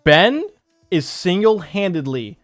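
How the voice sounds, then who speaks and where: A man's voice: high-pitched, lively intonation, fairly bright tone, no echo. Man, podcast co-host, enthusiastic, dry sound, faint music. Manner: enthusiastic, quick to laugh. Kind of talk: casual chat.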